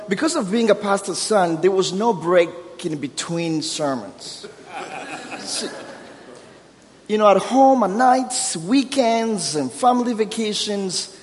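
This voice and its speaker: A high-pitched man in his thirties from Burundi, a native Kirundi speaker with a Burundian accent, preaches as a guest in a church sanctuary. His sermon blends warm stories and self-deprecating humor with building emphasis, and the recording has a long hall reverb.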